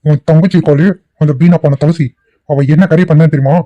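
A man's voice: fairly high pitch, fairly even intonation, a little fast, no room sound, dull audio, lightly acted. A man doing a furious village headman. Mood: furious threats. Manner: shouting, threatening, scornful. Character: angry domineering village headman, older man.

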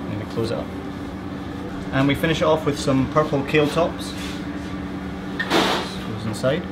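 A young man, a sous chef, calmly explaining a dish step by step as he plates it in a restaurant kitchen. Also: mid-range voice, unhurried. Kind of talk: explaining a dish while plating. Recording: loud kitchen air-conditioning hum. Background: air conditioning hum.

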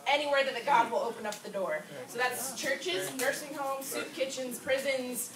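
A woman's voice: high-pitched, moderate pace, a crowd in the background. A young woman from Florida leading a drama ministry team, giving upbeat announcements and a prayer. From Orlando, Florida. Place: church hall with a wooden floor, indoors. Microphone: far camera. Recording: echoey room from far off, noisy.

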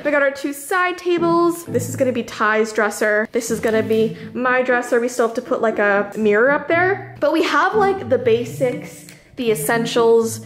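Echoey, high-voiced young woman vlogging. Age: young adult. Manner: chatty, informal, frequent "like". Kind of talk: casual vlog storytelling. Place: echoey bedroom with little furniture, indoors. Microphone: camera held or set at about arm's length. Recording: echoey, sparsely furnished room, music behind.

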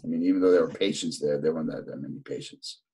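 Speaking from an indoor office, a New York podiatrist in his fifties rambles as a casual interview guest over video call, full of fillers and restarts and easy laughter. His rumbling, creaky voice is dark in tone, racing along with fairly even intonation and a New York accent.

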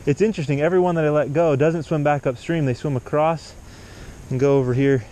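A man's voice: a little high, fairly even intonation, fast talker, warm tone. A man vlogging outdoors by a mountain stream, talking enthusiastically and exclaiming as he fishes, recorded on a chest-mounted camera. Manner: enthusiastic, exclaiming, laughing often. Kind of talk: excited outdoor vlog commentary. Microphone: chest-mounted action camera.

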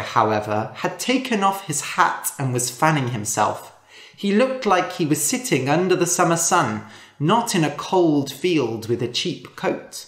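A narrator reading a folk tale slowly and clearly for English learners. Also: medium pitch, a bit bright. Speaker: story narrator. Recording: roomy echo.

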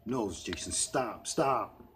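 Upset young woman, pleading and exasperated, voiced by a male reader, deep-pitched with faint hiss behind. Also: animated, slow pace. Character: upset young woman, accusing her partner.

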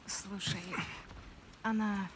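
A woman's voice: medium pitch, little pitch movement, drawn-out words, noisy background. A woman playing an earnest, urgent young female survivor in a video game. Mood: reassuring.

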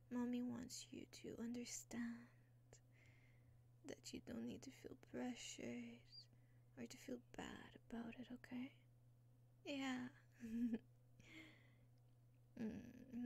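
Slow, soothing whispering woman, husky and mellow. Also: a little high. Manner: whispers mostly, slow and soothing, murmurs "mm-hmm" often. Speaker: ASMR creator. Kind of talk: soft-spoken ASMR roleplay of a caring caretaker. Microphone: close sensitive mic.

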